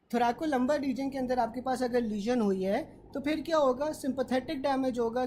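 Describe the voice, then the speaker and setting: A woman leads an online medical class, explaining each point step by step and checking in with her students. Her voice sits a little high. A faint hiss runs under the recording. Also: warm tone, low-quality recording. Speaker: medical tutor.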